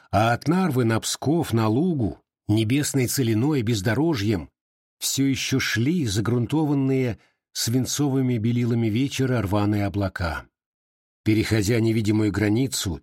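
A man reading a novel aloud in a measured, expressive way. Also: medium pitch, husky, no echo, studio quality. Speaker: audiobook reader. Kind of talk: literary audiobook narration.

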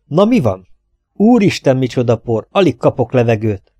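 A man's voice: medium pitch, big pitch swings, mellow, dry recording, clean studio sound. A man reading a resourceful young woman agent's lines in an audiobook, urgent and raised.

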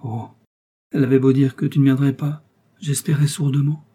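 A man's voice: medium pitch, little pitch movement, moderate pace, warm tone, husky, lightly acted. A man reading an audiobook voices a frightened young woman, loving and faint, who pleads breathlessly. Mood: anguished.

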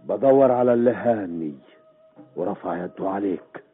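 A man's voice: on the low side, moderate pace, slightly rough. An actor playing a proud, romantic man in a radio drama. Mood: vengeful. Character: proud Bedouin man, vengeful yet tenderly romantic. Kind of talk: Arabic radio drama acting. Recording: dull old radio recording, faint music.

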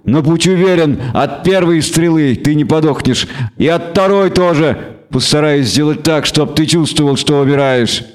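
A man's voice: fairly high pitch, moderate pace, close to an everyday voice. A man voicing a fierce, scornful young female elf warrior who hisses her threats at a bound captive. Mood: hissing scorn. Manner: hissing, contemptuous.

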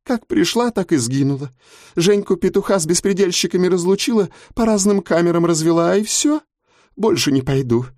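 Man voicing a sulky female spirit, high falsetto, lively sing-song, dry close audiobook sound. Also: a little fast, no echo. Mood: grumbling.

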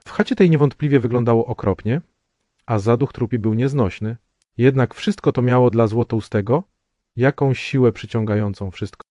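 A man narrates a novel in a measured, solemn way. His voice is dark and mellow, recorded dry and close, with a dull lo-fi sound. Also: mid-range voice, no echo. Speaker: audiobook narrator. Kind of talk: scripted narration.

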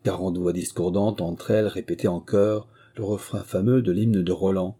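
A man reading a memoir aloud as an audiobook narrator, in a measured, literary storytelling manner. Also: sits low, steady tone, warm tone, breathy edge. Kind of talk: scripted narration.

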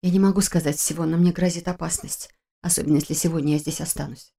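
A woman's voice: low voice, steady tone, quick pace, gravelly, dark tone, slightly rough, full character voice. A woman voicing a frightened young woman servant who pleads in a tearful voice. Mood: hushed resolve.

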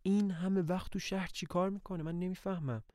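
A man's voice: high-pitched, fairly even intonation, noisy background, voice pushed up, natural voice. A man reading aloud voices an anxious aristocratic older woman who owns the estate, speaking in a plaintive, sighing way. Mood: worried.

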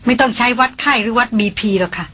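A woman reading the part of a dazed, evasive young woman in an audiobook, speaking softly and pleadingly. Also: on the high side, fast talker, husky.

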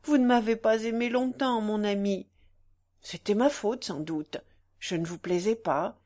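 A woman's voice: mid-range voice, measured pace, dark tone, lightly acted. A woman reading the part of a young wife defending herself, with pleading, earnest delivery.

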